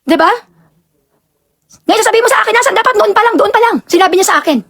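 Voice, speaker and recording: Fast-talking high-voiced indignant woman. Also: a bit bright. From Canada. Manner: indignant, rapid-fire, peppered with rhetorical questions. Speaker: live-stream host and promoter. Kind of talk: heated live-stream rant. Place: home with barking dogs nearby.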